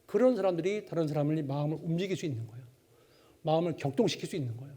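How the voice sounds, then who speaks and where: High-pitched male preacher, animated storyteller giving a Bible lecture. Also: racing. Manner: animated, acts out the people in his stories. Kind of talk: sermon with storytelling.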